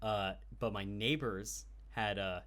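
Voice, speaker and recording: Low-voiced young man telling a rambling story. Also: fairly even intonation, slow pace, fairly bright tone. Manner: rambling anecdote with filler and swearing. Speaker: podcast co-host telling a story. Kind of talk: casual storytelling chat.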